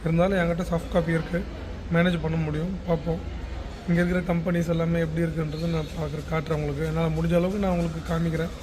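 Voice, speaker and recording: A Chennai-born business founder with a Tamil Nadu accent chats casually while shooting a travel vlog in a busy international airport. His slightly high voice barely moves in pitch, and he talks very fast. The noisy public setting comes through clearly in the background.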